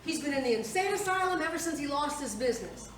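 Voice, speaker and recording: A woman's voice: sits high, expressive, quick pace. A woman playing a cold, curt landlady. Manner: curt, hostile. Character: cold hard older boarding-house landlady. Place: large theater stage. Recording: echoey stage from far off.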